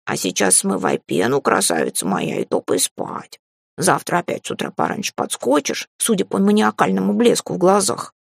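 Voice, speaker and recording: Woman reading a sly tomcat familiar, deep and gravelly, teasing drawl, storybook reading. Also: big pitch swings, moderate pace, no room sound, studio quality, exaggerated voice. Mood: fond. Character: sly lazy male cat familiar.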